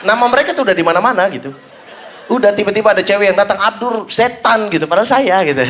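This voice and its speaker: A man's voice: sits high, rapid-fire, noisy background. A young man from Indonesia, telling a stand-up story on stage and acting out the people in it. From eastern Indonesia. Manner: animated storytelling, acting out other people's voices. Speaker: stand-up comedian. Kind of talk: stand-up routine. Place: stage in front of a live audience.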